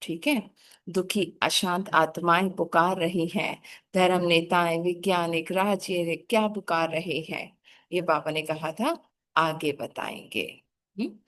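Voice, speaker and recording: Brief: middle-aged woman, spiritual teacher, slow unhurried delivery, slightly low voice, gentle meditative reading. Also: fairly even intonation. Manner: gentle, slow, often adds a questioning "hmm?".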